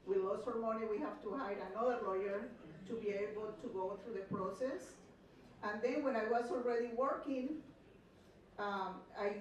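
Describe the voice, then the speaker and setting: A woman's voice: a little high, dull audio, a little hiss or hum. An older woman from Colombia, earnest and a little nervous, telling her story at a rally. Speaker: rally speaker. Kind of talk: personal testimony speech. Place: hotel event hall. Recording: echoey hall from far off.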